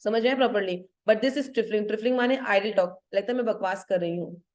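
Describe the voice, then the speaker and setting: Speaking at a medium pitch with a slightly mellow quality, a Hindi-teacher woman who teaches English literature explains a play line by line. She shifts between the two languages, pauses to ask "ठीक है?", and reads the verse slowly.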